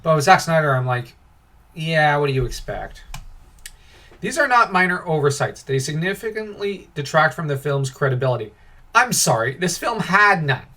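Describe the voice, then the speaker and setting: A young man with a fairly high voice co-hosts a podcast, reading film reviews and tearing into them. His delivery is sarcastic and lively, his pitch swinging up and down as he rants and laughs. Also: brisk. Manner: sarcastic, laughs often, animated ranting. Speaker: podcast co-host. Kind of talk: casual podcast review chat.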